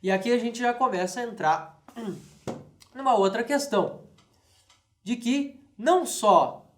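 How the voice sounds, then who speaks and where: A man's voice: very high voice, expressive, slow pace. A man with a Brazilian Portuguese accent giving an online classics lesson, explaining patiently with frequent "né?" and "tá?" and reading verses aloud in a rhythmic chant. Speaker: classics teacher.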